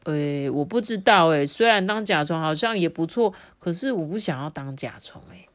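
Sad slow beetle boy voiced by a mom in a storybook, hesitant. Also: low-pitched, lively intonation. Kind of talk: storybook read-aloud.

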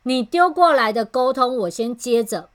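A woman's voice: on the high side, moderate pace. Woman explaining communication skills. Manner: animated storyteller who explains patiently. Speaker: communication trainer and podcast host. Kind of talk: casual explanatory chat.

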